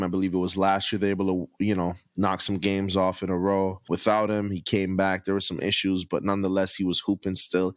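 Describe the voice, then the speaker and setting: A young man co-hosting a casual basketball podcast, talking in energetic slang and reeling off stats. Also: deep voice, no room sound. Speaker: podcast co-host. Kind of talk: casual sports chat.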